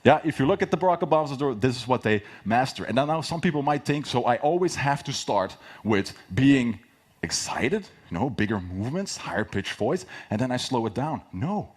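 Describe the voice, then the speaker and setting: A man's voice: mid-range voice, animated, brisk, breathy edge. A man giving a live public speaking workshop as a coach, with a projected, emphatic delivery and key phrases repeated for effect. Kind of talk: live workshop presentation with demonstrations.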